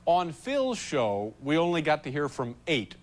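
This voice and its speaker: A man hosting a late-night talk show, telling jokes in a wry, halting way with deadpan punchlines. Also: fairly high pitch. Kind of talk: comic monologue and stunt banter. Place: TV studio and building hallways. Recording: broadcast with loud studio audience and background noise.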